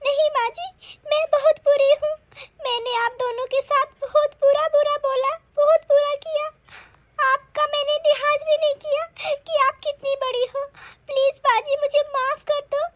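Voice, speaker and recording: A woman's voice: very high voice, little pitch movement, moderate pace, no echo. A woman voicing a remorseful married sister-in-law in a Hindi cartoon, pleading tearfully for forgiveness.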